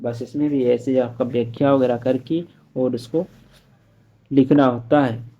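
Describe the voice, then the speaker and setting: A male teacher going through exam-paper answers, reading each answer slowly and explaining it simply. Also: mid-range voice, steady tone, dark tone, dull audio. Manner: reads answers aloud slowly, then explains in plain asides. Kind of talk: exam-prep lesson.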